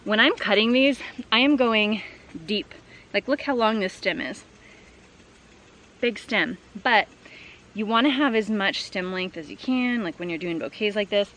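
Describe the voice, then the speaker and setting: A woman's voice: mid-range voice, lively intonation, a little slow, fairly bright tone, slight background noise. A woman flower farmer chatting casually to the camera while she harvests outdoors, upbeat and full of "like" and "um". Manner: chatty and upbeat, lots of fillers like "like" and "um". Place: outdoors in a flower field on a farm. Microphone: camera set low on the ground.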